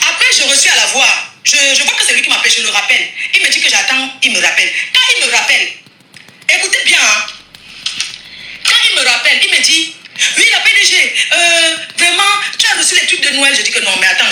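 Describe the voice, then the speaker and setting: A woman's voice: sits high, bright, forceful tone. A woman retelling a phone call on a live stream, laughing often as she talks. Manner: laughs often while telling the story. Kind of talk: replayed live stream monologue. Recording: echoey, distant, faint background noise.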